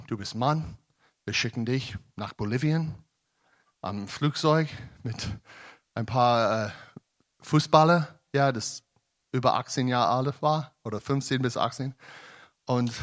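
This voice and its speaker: A young man preaching a sermon in German, with frequent restarts, at times rising to emphatic shouting. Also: medium pitch.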